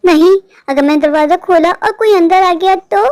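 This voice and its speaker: A woman's voice: extremely high pitch, normal speed, darkish tone. A woman voicing a scared, naive young unmarried woman in a cartoon, rambling to herself in a fretful way. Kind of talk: cartoon voice acting.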